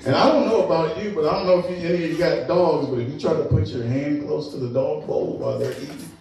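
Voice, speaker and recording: A man preaching a sermon as pastor, playful and lively, acting out little scenes with laughs. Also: fairly high pitch, fast, slight background noise. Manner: playful, acts out animals and voices with laughs. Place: church. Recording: echoey church hall, mic far off.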